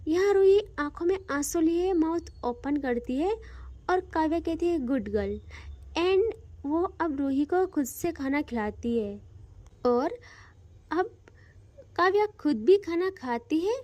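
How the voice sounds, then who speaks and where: A woman narrating a romantic audio story in an expressive, emotive storytelling manner. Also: high voice, no room sound.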